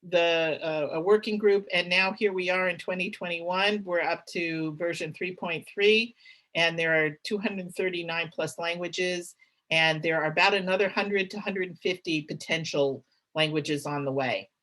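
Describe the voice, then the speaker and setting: A woman's voice: on the low side, steady tone, moderate pace, a bit bright. A middle-aged woman giving a webinar presentation, talking conversationally with many fillers and restarts.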